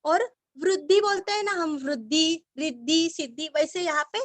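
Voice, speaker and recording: A woman teaching Sanskrit recitation, chanting verses syllable by syllable and adding quick pronunciation tips. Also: very high-pitched, no room sound.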